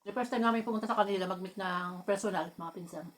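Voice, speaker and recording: Fast-talking woman telling stories, laughing. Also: medium pitch. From Philippines. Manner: laughs often, animated when telling anecdotes. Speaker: vlogger. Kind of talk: casual storytelling while eating.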